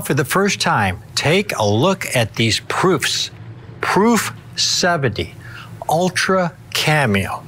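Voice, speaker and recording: Animated American man, hard sell pitch. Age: middle-aged. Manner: emphatic, deliberate phrasing with dramatic stress. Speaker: TV coin pitchman.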